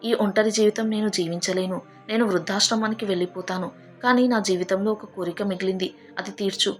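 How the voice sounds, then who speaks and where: A stern, grieving elderly father, bitter and reproachful toward his son, read by a woman narrator. His voice sits at a middle pitch. Soft music plays faintly behind him in this audio storybook. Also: fairly even intonation, a little fast, close to an everyday voice. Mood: resigned.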